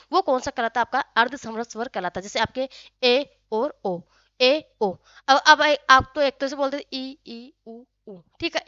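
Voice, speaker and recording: A woman teacher giving a grammar lesson, often quizzing her students and sounding out vowels slowly. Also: sits high, a bit bright, no echo, highs cut off. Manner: frequent questions to students, addresses them as friends.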